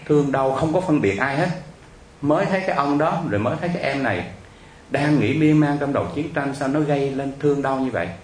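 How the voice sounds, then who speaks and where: Fast-talking monk. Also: male voice, medium pitch, slight background noise. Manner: lively, emphatic storytelling. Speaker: Buddhist monk. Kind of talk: storytelling sermon. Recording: echoey hall recording.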